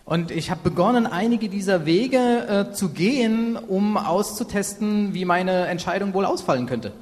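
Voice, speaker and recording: Man, live church interpreter, halting, lots of ums, a bit high-pitched, long reverb. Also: animated, darkish tone. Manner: halting, many fillers and self-corrections. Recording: reverberant hall.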